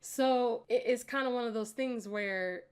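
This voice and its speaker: A woman YouTuber talking straight to her viewers in a loose, rambling rant. Her voice sits a little higher than most. She is animated, swears freely and keeps breaking into laughter. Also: measured pace, clear, resonant tone. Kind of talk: casual vlog rant.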